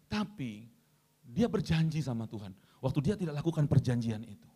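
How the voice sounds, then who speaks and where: A man preaching a sermon, addressing the congregation again and again and calling for amens, swinging between loud high emphasis and quiet low asides. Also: very animated, normal speed, breathy edge. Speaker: pastor.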